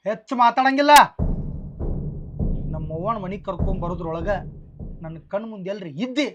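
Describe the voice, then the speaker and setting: A man's voice: high voice, fast. A man playing an angry husband in a rural family drama, scolding his wife. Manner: heated and scolding. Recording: slightly dull sound with faint music.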